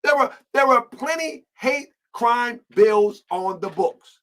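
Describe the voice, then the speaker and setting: A man's voice: extremely high pitch, lively intonation, slow, pushed and bright, rough recording. A man hosting an online show, delivering an impassioned commentary monologue full of rhetorical questions and repeated phrases.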